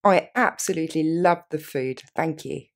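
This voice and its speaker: A woman teaching English phrases to French speakers, repeating each one slowly and then quickly. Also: low voice, vocal fry. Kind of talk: language lesson with repeated model phrases.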